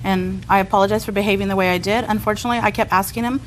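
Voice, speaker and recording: Woman defendant, talks fast, rambles and apologizes, slight room hiss. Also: medium pitch, steady tone, rough recording. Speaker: litigant. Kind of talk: courtroom testimony.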